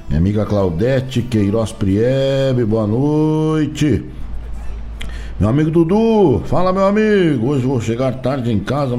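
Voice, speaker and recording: A man's voice: medium pitch, dark tone. A man with a southern Brazilian gaúcho accent hosting live radio in a folksy, casual, colloquial way. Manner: folksy, colloquial, frequent tag questions. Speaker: radio host. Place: radio studio.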